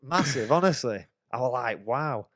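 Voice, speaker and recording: A man's voice: mid-range voice, normal speed, no echo, studio quality. A man, telling a swear-filled story on a podcast. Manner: swears freely, animated anecdote telling. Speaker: podcast host. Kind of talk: casual chat, storytelling.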